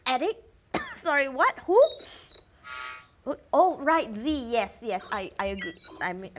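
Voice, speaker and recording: A woman's voice: mid-range voice, sing-song, unhurried, fairly bright tone, slight background noise. A woman playing a glib, vain male talk-show host in a scripted satire, wisecracking and stammering. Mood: flustered.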